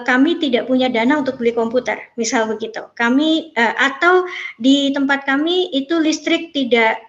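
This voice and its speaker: A woman's voice: high voice, lo-fi sound. Chatty woman leading an online workshop. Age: 40s. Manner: chatty, reads out chat replies, many fillers. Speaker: teacher trainer. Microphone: video call.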